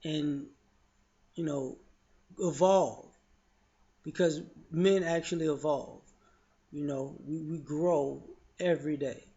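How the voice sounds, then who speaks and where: A man's voice: on the high side, steady tone, takes it slowly, long pauses, mellow. A man giving his opinions in casual spoken commentary, frank and loose, often saying "you know" and restarting his sentences. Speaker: vlogger sharing opinions. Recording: dull lo-fi audio.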